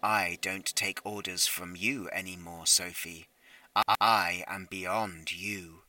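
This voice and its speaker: Man voicing a calm, menacing evil home AI. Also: low voice, slow, heavily acted. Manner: smooth, coldly polite, quietly threatening. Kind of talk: comedy sketch acting.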